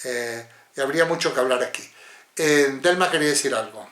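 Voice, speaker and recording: A man's voice: mid-range voice, a little fast, fairly bright tone. A man moderating a philosophy seminar over a video call, talking in a discursive way and often ending with tag questions. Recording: roomy echo.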